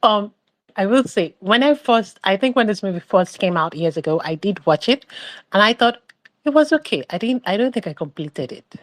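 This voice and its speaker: On a film podcast, a female panelist offers her opinion in casual chat, meandering along with plenty of "like" and restarts. Her voice is medium-pitched and free of echo.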